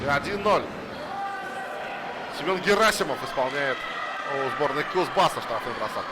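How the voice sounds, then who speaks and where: A man commentating live on hockey as play-by-play caller, breaking into excited, exclaiming goal calls. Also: a little high, normal speed. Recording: loud outdoor or vehicle-like background noise.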